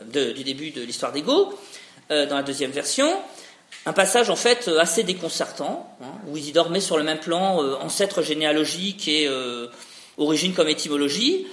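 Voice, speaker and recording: A man's voice: on the high side, fairly bright tone. A man giving an academic lecture, talking discursively with many restarts and tag questions. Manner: discursive, frequent hein tags and restarts. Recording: roomy echo.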